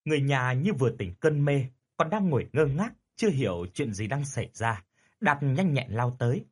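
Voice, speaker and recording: Husky, lively male horror storyteller. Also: mid-range voice, moderate pace. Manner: dramatic, expressive narration.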